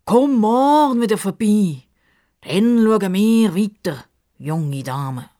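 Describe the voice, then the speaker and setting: A woman voicing a pompous, self-important male crocodile who talks slowly and condescendingly. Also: mid-range voice, expressive, dark tone. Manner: slow, drawn-out, condescending.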